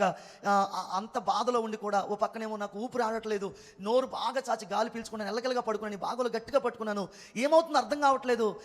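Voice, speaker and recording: A man preaching with a high, quick voice, urging the congregation to praise and acting out the cries in his story. His voice rings out through a church hall with a long reverb. He speaks with a Telugu accent into a handheld microphone at the altar. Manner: fervent, calls for praise, acts out cries. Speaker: pastor. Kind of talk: sermon testimony.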